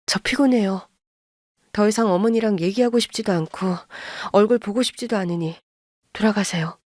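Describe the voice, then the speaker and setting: A woman's voice: mid-range voice, moderate pace, darkish tone, no room sound, clean studio sound, natural voice. A woman voicing a middle-aged mother who speaks coldly and bursts into anger. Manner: cold, then furious outbursts.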